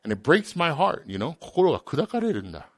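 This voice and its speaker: A man's voice: a little high, sing-song, normal speed, no echo. Impassioned male preacher in a dry room. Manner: alternates each point between two languages; emphatic, rising to loud passionate peaks. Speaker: pastor. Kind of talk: bilingual sermon.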